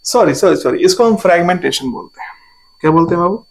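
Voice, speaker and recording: A man's voice: sits high, expressive, quick pace, low-quality recording. A man from India giving a biology exam-prep lecture. He quizzes his students by repeating each key term as a question and calls them "babu.". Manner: irritated by shouting outside. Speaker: biology teacher.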